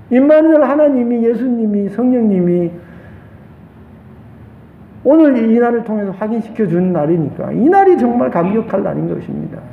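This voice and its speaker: High-voiced preaching man, tinny and echoey. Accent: Gyeongsang Korean. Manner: impassioned preaching, swings between loud highs and hushed lows. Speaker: pastor. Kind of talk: sermon. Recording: echoey church room, tinny phone-like sound.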